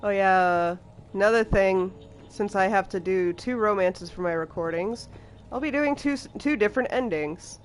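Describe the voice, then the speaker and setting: A young woman talks casually over her game, reacting out loud and laughing often. Her pitch sits in the middle, and she chats freely with viewers. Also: normal speed, a little hiss or hum. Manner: chatty, laughs often, reacts loudly to gameplay. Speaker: streamer. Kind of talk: casual live game commentary.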